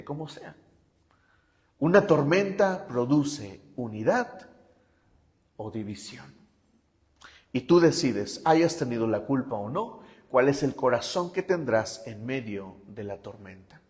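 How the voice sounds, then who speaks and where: Male pastor, higher-pitched voice, emphatic sermon delivery, long hall reverb. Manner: emphatic preaching, asks the congregation if he is understood.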